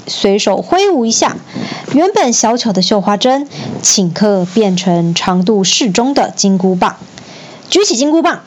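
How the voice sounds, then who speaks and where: A woman storyteller reading a children's classic aloud in an expressive, lively manner. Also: medium pitch, highs cut off.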